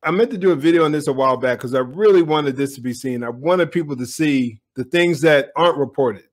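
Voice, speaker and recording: A man's voice: a little high, brisk. A man giving opinionated commentary on a police video, speaking bluntly and directly to his viewers.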